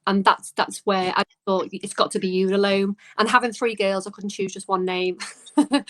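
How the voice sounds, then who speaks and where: A woman's voice: medium pitch, level tone, normal speed, a bit bright. A woman interview guest explaining her views and experiences in a casual, reflective, conversational way. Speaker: interview guest, small business owner.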